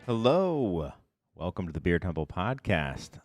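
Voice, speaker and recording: Over loud music, a middle-aged podcast co-host rambles through casual chat with ums and restarts. His low, sing-song voice keeps a measured pace and carries some reverb.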